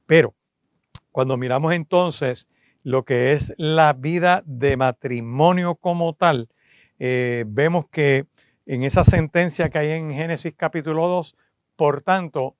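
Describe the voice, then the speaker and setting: A man's voice: a little high, measured pace, dry recording. A man, a pastor preaching on the radio, teaching earnestly and addressing listeners directly, with frequent "eh" fillers. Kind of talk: radio sermon.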